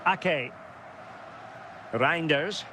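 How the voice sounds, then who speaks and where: A man calling a football match play by play in brisk bursts, naming players as the ball moves, recorded in a studio and played from a game. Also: fairly high pitch, noisy background. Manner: brisk calls of player names. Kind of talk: sports commentary.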